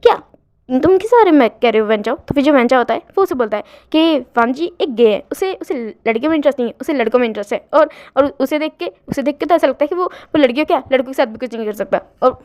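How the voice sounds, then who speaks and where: A woman's voice: sits high, animated, fast, hardly any pauses, a little mellow. A woman narrating a fan-fiction story casually, with many restarts and self-corrections.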